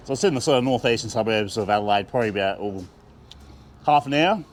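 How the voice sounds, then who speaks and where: A man's voice: medium pitch, animated, moderate pace, slight background noise. A man with an Australian accent, chatting with enthusiasm as he reviews food and laughing often. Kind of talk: casual food review vlog.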